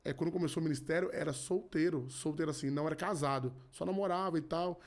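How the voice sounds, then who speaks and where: A man in his thirties from Rio de Janeiro, a gospel musician appearing as a podcast guest, gives an earnest personal testimony in casual chat. His voice is a little high with vocal fry, and he talks fast, often restarting and repeating his words.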